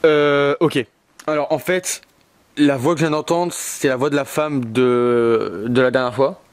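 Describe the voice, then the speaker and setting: A man's voice: mid-range voice, steady tone, unhurried, clean tone, no room sound. A man exploring an abandoned brickworks, anxious and hesitant, thinking aloud with many fillers. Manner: raises voice to call out to spirits. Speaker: ghost hunter vlogger. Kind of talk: solo paranormal investigation vlog. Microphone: headphones on, portable recorder.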